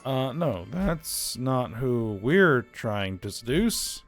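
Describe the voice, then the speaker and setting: A man's voice: medium pitch, very animated, slow, soft background music. A man giving casual commentary while playing a strategy game, thinking aloud and often saying "all right". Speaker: strategy game let's-player.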